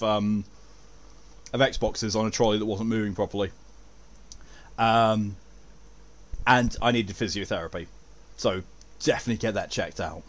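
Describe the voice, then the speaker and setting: A man chatting casually as he streams and comments on a video game. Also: on the low side.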